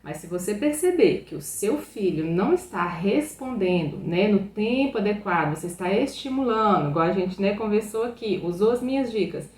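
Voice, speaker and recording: A young adult woman with a Brazilian Portuguese accent explains things to parents as a pediatrician, in a chatty, direct way that keeps checking in with her listeners. Her voice sits at a middle pitch. She sounds set back from the mic in an echoey room. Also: expressive, moderate pace, hardly any pauses, a little mellow, distant mic. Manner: chatty, often asks "né?" and calls the audience "gente". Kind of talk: advice talk to parents.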